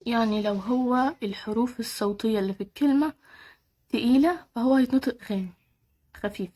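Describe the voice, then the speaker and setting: A woman with an Egyptian Arabic accent teaching Turkish letters, repeating each word slowly and patiently. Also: fairly high pitch, warm tone. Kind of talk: slow step-by-step teaching.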